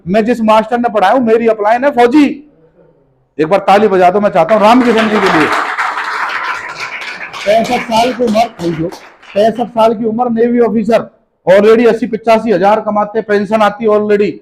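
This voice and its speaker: Background noise accompanies a motivational business speaker giving a seminar talk to a live audience in a hall. His voice sits high with fairly even intonation at a normal speed, and he scolds listeners through rhetorical questions, stressing his points by repeating key phrases.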